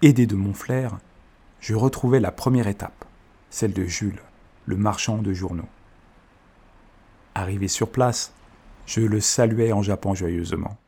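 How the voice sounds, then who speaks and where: Male children's audiobook narrator, husky and low, gentle delivery. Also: unhurried, pauses often. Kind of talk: scripted storybook narration.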